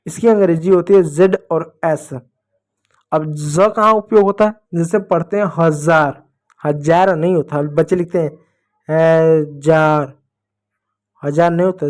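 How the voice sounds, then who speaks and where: A man gives a classroom phonics lesson, and his voice sits a little high. He keeps quizzing his young pupils and answering himself, calling them his dear children. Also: moderate pace, a little mellow. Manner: asks questions then answers them, addresses "dear children". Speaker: English teacher.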